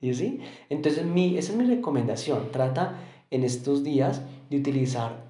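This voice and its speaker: Colombian English teacher, echoey room. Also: male voice, medium pitch, expressive, moderate pace, dark tone, a little hiss or hum. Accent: Colombian Spanish. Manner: explanatory, asks frequent check questions. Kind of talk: online language lesson.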